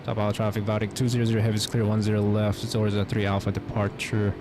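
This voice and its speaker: Low-voiced man flying over engine noise. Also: completely flat delivery, fast talker. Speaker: flight simulator streamer acting as pilot. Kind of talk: casual cockpit commentary and radio calls. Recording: loud vehicle-like engine noise.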